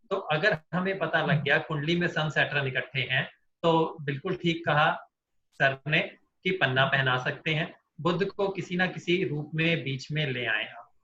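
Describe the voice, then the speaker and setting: A man's voice: fairly high pitch, bright, forceful tone, echoey room, highs cut off, a little hiss or hum. A man teaching an online astrology class in Hindi-speaking style, explaining through everyday examples. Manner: explains with everyday examples, acts out quoted people.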